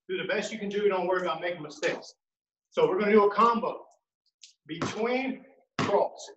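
A man's voice: high-pitched, highs cut off. A man coaching basketball dribbling drills, counting out reps and calling cues with encouragement. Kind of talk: home workout drill instruction. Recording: echoey room, mic far off, loud noise.

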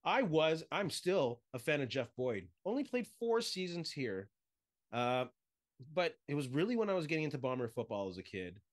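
Male podcast co-host, somewhat high voice, blunt and direct, runs the question segment. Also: very animated, moderate pace. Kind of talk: casual sports chat.

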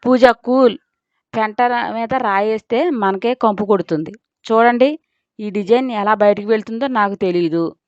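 A woman's voice: on the high side, moderate pace, dry recording, close to an everyday voice. A woman voicing a proud, fiery young woman designer who snaps back indignantly. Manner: indignant, raises her voice. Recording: dull lo-fi dry recording.

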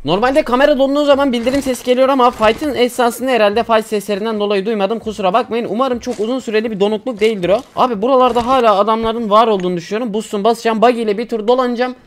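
A man giving casual, excitable gameplay commentary, chatting to viewers and teammates and swearing casually. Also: very high-pitched, racing, hardly any pauses. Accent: Turkish. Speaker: gaming YouTuber.

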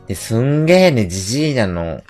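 Animated, rough-talking man ranting casually. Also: on the low side, brisk, soft background music. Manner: animated ranting storyteller, rough slangy speech. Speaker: livestreamer. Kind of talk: casual chat.

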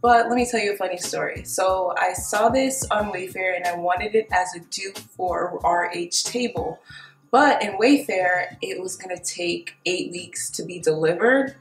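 A woman's voice: fairly low pitch, unhurried. A young woman vlogger chatting casually to camera in a gushing, enthusiastic way, as in a home makeover reveal. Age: young adult. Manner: gushing, enthusiastic about finds. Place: small dining room at home, indoors. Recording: roomy echo, faint music behind.

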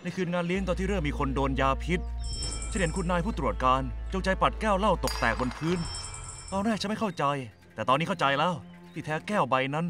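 A man's voice: high voice, fast talker, fairly bright tone, soft background music. A man dubbing a young man in a TV drama who works out a crime aloud, speaking in an urgent way. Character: young man piecing together a murder plot. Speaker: Thai dub voice actor. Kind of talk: dubbed TV drama dialogue.

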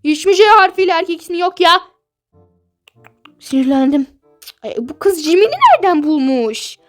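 A woman playing a high-voiced protesting teen girl. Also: expressive, normal speed, faint music behind. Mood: searching. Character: teenage girl, dreamy and defensive. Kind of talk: toy-game role-play.

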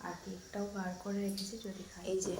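A woman chatting casually in a home vlog, talking softly with lots of fillers. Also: medium pitch, little pitch movement, brisk. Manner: chatty, rambling with many fillers; talks softly so her sleeping son isn't woken. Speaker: vlogger. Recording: clear background noise.

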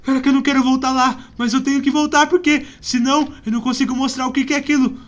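Shrill excitable Brazilian gamer guy. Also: fast talker. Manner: excitable, breaks into frightened screams and cries. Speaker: gaming YouTuber. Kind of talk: let's play commentary.

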